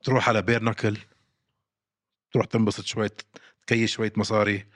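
A man's voice: fairly low pitch, flat delivery, fast talker, fairly bright tone, no echo, clean studio sound. A man, co-hosting a casual sports podcast and emphatically repeating his points. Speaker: podcast co-host.

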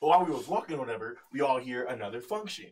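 A young man co-hosting a casual podcast, telling a slangy story with laughs and quoted voices. He sits back from the mic, so he sounds distant, with a faint noise underneath. His pitch is middling for a man. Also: sing-song, rapid-fire. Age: young adult. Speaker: podcast co-host. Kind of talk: casual storytelling among friends.

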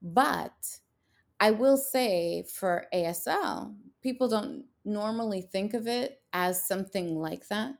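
A gravelly, mid-range woman's voice moves slowly as she co-hosts a relaxed podcast chat. Her first language is Haitian Creole, and she talks with fervor and emphasis, leaning on rhetorical questions.

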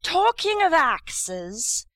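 A woman playing a bad-tempered, domineering Duchess in an audiobook drama, blunt and scolding, with a hoarse growl. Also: high voice, big pitch swings, extremely slow, pushed and bright, no echo, heavily acted. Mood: irritated. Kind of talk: full-cast audiobook character acting.

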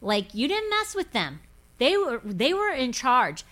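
On her casual faith podcast, a fifties-aged pastor with Pentecostal church roots comes across as forthright, emphatic and preachy. Her high voice is very animated and a bit bright, and she talks a little slowly.

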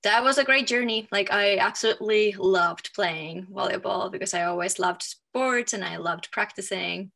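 A woman's voice: medium pitch, normal speed, gravelly, hardly any pauses, bright, forceful tone. A woman in her thirties from Finland with a Finnish accent, chatting loosely as an interview guest and thinking aloud with many fillers. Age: 30s. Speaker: guest, authenticity coach. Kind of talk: casual interview chat.

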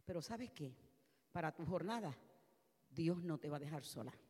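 A woman pastor preaching a passionate sermon, moving from soft, quiet passages to loud shouted ones. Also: deep voice, expressive, moderate pace, breathy edge, big-room sound. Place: church.

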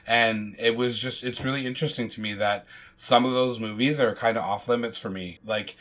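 A man's voice: lowish voice, fairly bright tone. A man co-hosting a podcast, talking casually and candidly about films, open about his emotions. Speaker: podcast co-host. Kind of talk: casual film discussion.

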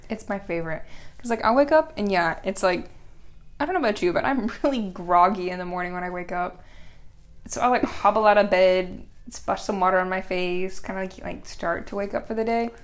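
Relaxed young woman telling stories. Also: mid-range voice, fairly quick. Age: young adult. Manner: relaxed, laughing storyteller with many fillers. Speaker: podcast co-host. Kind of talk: casual chat.

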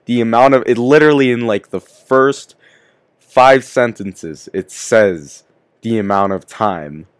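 A man's voice: mid-range voice, a little slow, dry recording. A young man in casual podcast chat, joking in slang and arguing his points. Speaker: podcast co-host.

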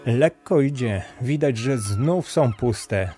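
A poor young fisherman, as the male narrator puts him on, earnest and plaintive in a storybook reading. The voice stays mellow and soft, with faint music behind. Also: medium pitch, animated, slow pace.

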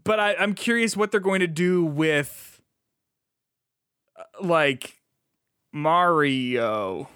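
A man with a slightly high voice, talking fast and loose as a podcast host. He laughs a lot and swears freely. The sound is dry and close. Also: fairly bright tone, clean tone, no echo. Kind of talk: casual chat.

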